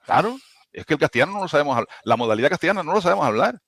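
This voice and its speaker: A man's voice: fairly high pitch, sing-song, rapid-fire, a bit bright, dry recording. A man from the Canary Islands, a linguistics professor speaking with a Canarian Spanish accent, arguing emphatically on a video-call panel, with frequent restarts and tag questions. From Canary Islands, Tenerife.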